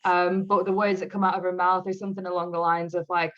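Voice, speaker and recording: A woman's voice: on the low side, fast, dull audio. A woman author chatting in an interview, telling stories with frequent laughter. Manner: laughs often, animated storytelling. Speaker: author guest. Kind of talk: casual interview chat.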